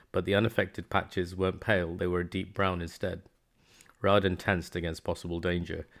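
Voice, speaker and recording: A man reading a fantasy novel aloud as an amateur narrator, in a steady, measured way. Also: sits low. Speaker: hobby book reader.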